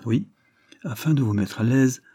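A man's voice: fairly low pitch, moderate pace, darkish tone, no room sound, studio quality. Man doing a voluble, jovial salesman. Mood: confidential. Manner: smooth-talking, voluble salesman patter. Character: jovial, chatty middle-aged male shop floor manager.

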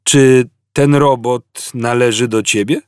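A man voicing a gentle, melancholy old man who speaks softly and hesitantly. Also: mid-range voice, steady tone, slow, clean tone, no room sound, studio quality, pitched above the performer's own voice, natural voice. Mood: mild, wistful. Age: over 60. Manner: soft-spoken, hesitant, mournful.

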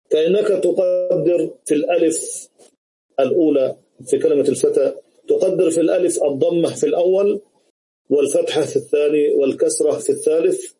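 A man teaching a grammar lesson over a video call, explaining slowly and repeating key words. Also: a little high, warm tone, poor audio.

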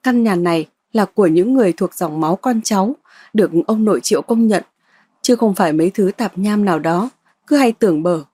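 A bold young woman with a cutting, scornful tongue, read by a woman in a storybook. Her voice is dark and husky, recorded dry and close. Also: medium pitch, fairly quick, no echo, close to an everyday voice.

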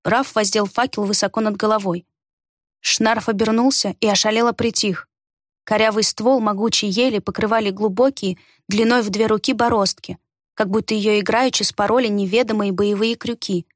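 A woman narrating a fantasy story in an even storytelling delivery. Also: mid-range voice, normal speed, dry recording, clean studio sound. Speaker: audiobook narrator. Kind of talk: scripted narration.

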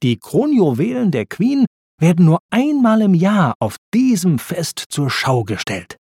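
A man voicing a clever, brave female spy car in a storybook, with a raised, lively voice. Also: high-pitched, measured pace, slightly rough, no echo, studio quality, pitched above the performer's own voice, exaggerated voice. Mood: determined. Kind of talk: storybook reading.

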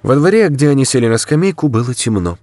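A man narrating a horror story for an audiobook in a dramatic, expressive way. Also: medium pitch, fast talker, no room sound.

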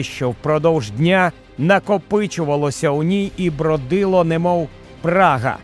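A man giving an expressive, tension-building narration of a short story. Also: fairly high pitch. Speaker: audiobook narrator. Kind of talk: dramatic audiobook narration.

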